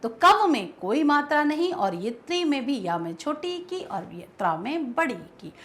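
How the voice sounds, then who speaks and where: A woman's voice: high voice, big pitch swings, a bit bright. A woman teaching an online grammar lesson, patiently drawing out each example word. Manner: patient, drawn-out pronunciation of example words.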